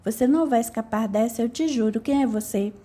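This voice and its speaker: A scared old woman who talks back sharply in an audiobook, as a woman reader plays her. The voice is fairly high and warm, pushing out quick, threatening words. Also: natural voice. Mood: defiant. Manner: panicked, defiant. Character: frightened, defiant old woman.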